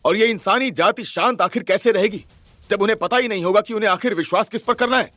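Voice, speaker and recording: A man voicing an angry, frustrated male commander who shouts his complaints. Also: sits high, fast talker, no echo, pitched above the performer's own voice.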